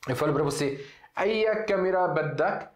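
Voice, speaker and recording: This Syrian man, whose first language is Arabic and whose accent is Syrian Arabic, runs a relaxed online lesson. He takes things slowly, stretches out example words, and uses many fillers and restarts. His voice is a little high and expressive, with reverberation in the recording.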